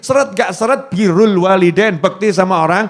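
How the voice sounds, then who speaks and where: A man's voice: sits high, fairly quick, big-room sound. A man giving a humorous sermon to a gathering, sing-song and playful, acting out little prayers. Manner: humorous, sing-song, mixes in Javanese phrases, acts out prayers. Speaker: preacher.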